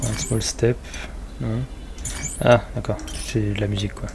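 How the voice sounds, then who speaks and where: A man's voice: on the low side, level tone, unhurried, creaky, background noise. Man doing casual let's play commentary. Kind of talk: casual game commentary, reading on-screen text aloud.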